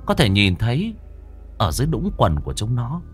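A man narrating a ghost story with a dramatic, lively delivery. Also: medium pitch, moderate pace, faint music behind.

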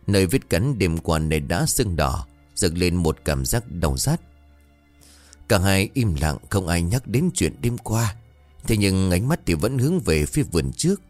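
A man giving an atmospheric, expressive scripted narration of a ghost story. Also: deep voice, no echo. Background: faint music.

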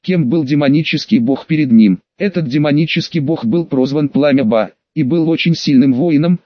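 A man reading an audiobook in a steady, even narration. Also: on the high side, normal speed, no echo. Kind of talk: scripted narration. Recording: dull dry lo-fi recording.

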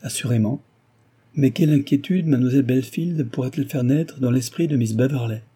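A man's voice: mid-range voice, brisk, warm tone, breathy edge, voice pushed up, lightly acted. A man voicing an ardent, passionate young suitor in an audiobook, pleading with energy. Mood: impassioned. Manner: impassioned, pleading.

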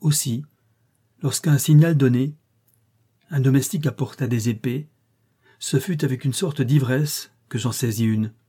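A man reads a classic short story aloud in the first person, in a measured, literary manner. His voice is dark and warm, with a husky grain. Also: medium pitch. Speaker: audiobook reader.

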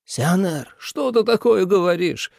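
A man's voice: high voice, sing-song, normal speed, creaky, a little mellow, breathy edge, no echo, clean studio sound, pitched above the performer's own voice, full character voice. A man voicing an anxious elderly father who pleads and frets in a storybook reading. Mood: pleading. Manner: pleading, fretful.

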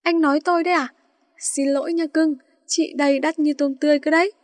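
A woman's voice: high voice, fairly even intonation, quick pace, no echo, voice pushed up, lightly acted. A woman voicing a hot-tempered young female student in a storybook reading, sassy and indignant.

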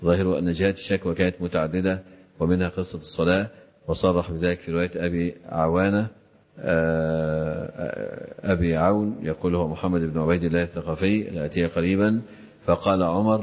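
A man explains a classical text in a lesson, pausing on drawn-out "aah" fillers. His very deep voice stays almost monotone, and he talks at a brisk clip. The recording sounds slightly dull and lo-fi. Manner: frequent drawn-out "aah" fillers between phrases. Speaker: Islamic scholar teaching hadith commentary.

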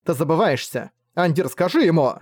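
A man's voice: fairly high pitch, lively intonation, a little fast, no room sound, clean studio sound, voice pushed up. A man voicing a stern, overbearing middle-aged mother who scolds her son, in an audiobook. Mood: furious. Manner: sharp and scolding, shouting at times.

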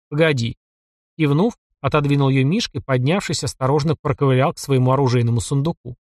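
Expressive male audiobook narrator. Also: a little high, dry recording, studio quality. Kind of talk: scripted narration.

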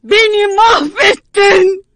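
A woman's voice: slow pace, no echo, full character voice. A woman playing a raging, shrieking painter. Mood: enraged. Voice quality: shrill yelling. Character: furious middle-aged male painter, shouting.

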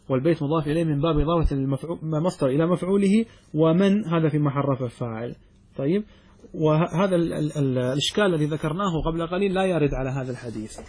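A man's voice: fairly high pitch, a little mellow, slightly rough. A man teaching a lesson on Arabic grammar, reading the text aloud and explaining it step by step, often putting questions to the class and answering them himself.

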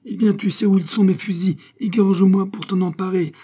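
A man voicing an irascible, pompous old priest schoolmaster who shouts in indignation. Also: fairly high pitch, moderate pace, slightly rough, pitched above the performer's own voice. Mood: furious. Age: older.

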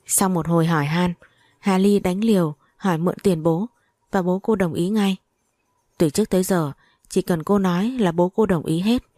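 A woman's voice: fairly low pitch, warm tone, dry recording, clean studio sound. A woman narrating a family drama story aloud, reading every character's lines in a near-plain voice. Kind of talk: audio story narration with dialogue.

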